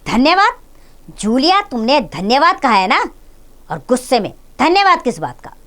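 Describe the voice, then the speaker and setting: A woman teacher voicing a stern, angry male householder who lectures and nearly shouts at his maid. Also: medium pitch, big pitch swings, moderate pace, lightly acted.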